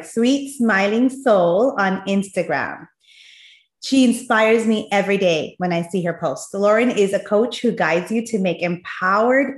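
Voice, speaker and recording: A woman's voice: mid-range voice, reverberant. A woman hosting a podcast interview, introducing her guest in an effusive, enthusiastic way. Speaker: podcast host.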